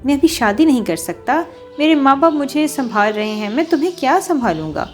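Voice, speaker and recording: A blunt, dismissive young man from an audio novel, put on by a woman reader. His voice sits a touch high and carries firmly, pushed up above the reader's own. Faint music runs underneath. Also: very animated. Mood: cold.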